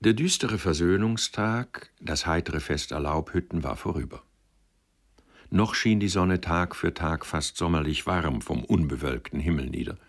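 A man reading a classic novel aloud as an audiobook narrator, in a measured storytelling manner. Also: low voice.

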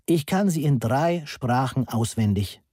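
A man voicing a calm, pedantic male math teacher in an audiobook, speaking slowly and deliberately. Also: mid-range voice, husky, no echo, studio quality. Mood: patient. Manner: slow, deliberate, lecturing. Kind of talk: audiobook character reading.

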